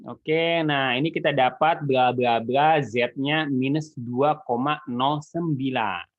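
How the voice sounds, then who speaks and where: Over an echoey, muffled line that sounds like a phone call, a man with a Jakarta Indonesian accent and a slightly loose R lectures informally on statistics. His mid-range voice is slow with fairly even intonation, and he checks comprehension with frequent colloquial tags.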